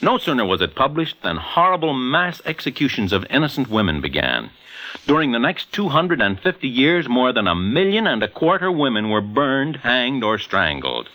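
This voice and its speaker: In a low-quality vintage radio recording, an American man hosts and comments in the emphatic, polished style of a 1940s newsreel. His mid-range voice swings hugely in pitch at a normal speed, sounding pushed and bright. His announcer delivery is dramatic and emphatic.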